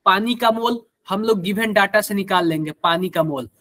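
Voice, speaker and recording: A man's voice: sits high, moderate pace, pushed and bright, no room sound. A man with a Hindi accent teaching a live online chemistry class, quizzing students and using everyday examples.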